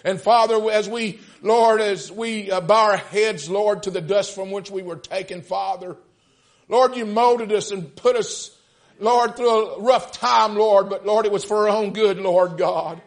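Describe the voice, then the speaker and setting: A man's voice: high voice, steady tone. Preacher guy at church, stops and starts, amen amen, then prays lord god over and over. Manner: halting, repeats fillers like amen and Lord. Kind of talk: sermon and prayer.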